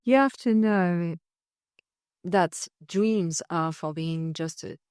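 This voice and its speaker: French woman, french accent, slow careful speech, lowish voice, dry sound. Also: darkish tone, clean tone, no echo. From France. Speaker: guest. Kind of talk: casual conversation.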